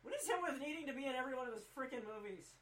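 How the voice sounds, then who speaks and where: A man's voice: very high-pitched, expressive, racing, fairly bright tone. A man co-hosting a podcast in casual chat, sarcastic and prone to ranting. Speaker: podcast co-host.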